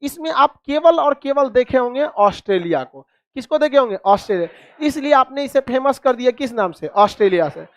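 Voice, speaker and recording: A man's voice: extremely high pitch, expressive, a little fast, dry recording, clean studio sound. A man teaching a class, quizzing students with repeated questions and cracking jokes. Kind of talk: classroom lecture with call-and-response.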